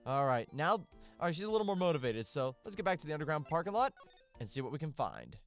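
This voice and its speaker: A chatty man talks through his game playthrough, thinking aloud as he goes. His pitch is animated and lively. The tone is casual let's-play commentary. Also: fast talker, faint music behind.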